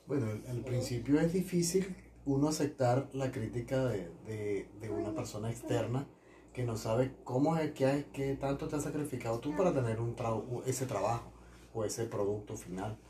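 A man giving his opinions conversationally as a guest, haltingly, repeating words as he reasons. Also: medium pitch, mellow, slight background noise. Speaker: family guest.

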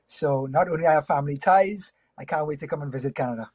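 A man from Trinidad and Tobago, a sports broadcaster, chatting casually as a guest on a remote interview with a friendly, relaxed manner. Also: a little high, slightly rough, dry recording. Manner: relaxed, friendly, with fillers and pauses.

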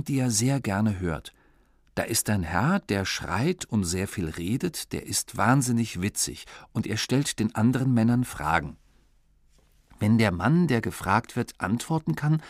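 Man reading a children's book, lively. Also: fairly low pitch, unhurried, no room sound, studio quality. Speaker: audiobook reader. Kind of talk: scripted narration of a children's book.

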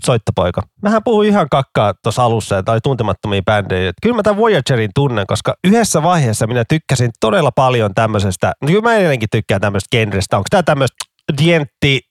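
A man co-hosting a casual chat about metal music, playful and quick to mimic sounds and accents. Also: mid-range voice, sing-song, dry recording, clean studio sound. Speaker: podcast co-host.

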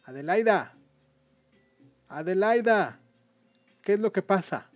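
A man voicing a burly, stern, short-tempered rich man in a read-aloud story, giving sharp, raised commands. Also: on the high side, normal speed, breathy edge, faint music behind. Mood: alarmed.

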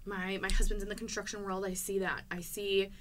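A young woman hosts in a relaxed, chatty way, backing her guest with quick affirmations. Her pitch sits in the middle, and faint noise hums underneath. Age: 20s. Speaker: podcast host. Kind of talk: casual chat.

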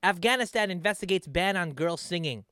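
A man's voice: high voice, expressive, brisk, pushed and bright, slight background noise. A man hosting a casual talk show, speaking in an emphatic, sweary way. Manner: emphatic, profane.

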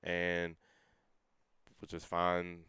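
A young man sharing a personal testimony in a casual interview, earnest and full of everyday slang, quoting himself in a quieter voice. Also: low voice, completely flat delivery, very slow, clean tone, dry recording, clean studio sound. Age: young adult. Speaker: guest sharing his testimony.

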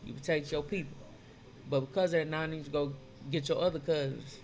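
A man with a fairly high voice spins an old tale in loose street slang, jumping into characters' voices as he goes. His delivery is animated and conversational, full of asides to his listener. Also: fast. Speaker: storyteller retelling Bible stories. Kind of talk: casual street-slang storytelling.

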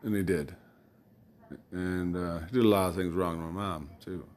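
A man's voice: low voice, steady tone, normal speed, a little mellow. A man talking casually in a loose, rambling monologue, cursing and chuckling as he recounts things. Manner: loose storytelling with swearing and laughs.

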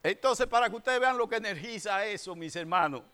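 Bright, clear-voiced preacher in his sixties. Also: sits high, expressive, a little fast. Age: 60s. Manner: preaching with rising emphatic bursts and dropped asides. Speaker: pastor. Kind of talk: sermon.

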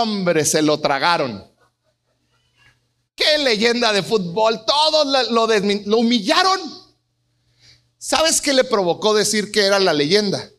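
A middle-aged man preaching a sermon, telling stories and acting out voices with big swings in pitch. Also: pushed and bright. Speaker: pastor.

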